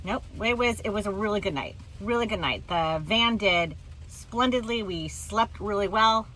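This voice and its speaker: A woman's voice: mid-range voice, moderate pace, low-quality recording. A woman chatting casually for a travel vlog inside a camper van, repeating herself for emphasis. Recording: steady noise, vehicle ambience, hail outside. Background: vehicle ambience and hail.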